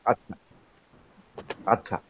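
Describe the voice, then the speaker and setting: A man's voice: slow pace, poor audio. A male professor speaking formally and politely over a video call, his audio choppy and fading in and out. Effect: choppy video-call audio, breaking up and fading in. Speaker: guest lecturer, professor. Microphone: online video call.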